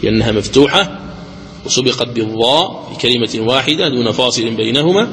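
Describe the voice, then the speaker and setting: A man at a mid pitch lectures on the rules of Quran recitation, steady and methodical. He goes over each condition twice and draws the sample words out slowly, half-chanted. His voice rings in a reverberant hall over a faint hum of background noise. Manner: deliberate, repeats each rule, slows to chant examples.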